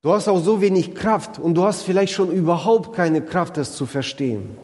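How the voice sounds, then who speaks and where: A pastor with a high-pitched, slightly mellow voice preaches a sermon at a normal pace. He speaks earnestly and directly to his listeners, retelling stories vividly, and a long hall reverb follows his words.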